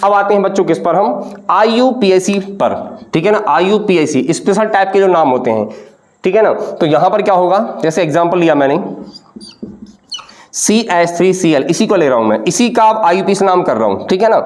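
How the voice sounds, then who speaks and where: A man's voice: high-pitched, expressive, normal speed, a little mellow. A man teaching a chemistry lesson to students, patient, often asking questions back and repeating the answers. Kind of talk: classroom lecture.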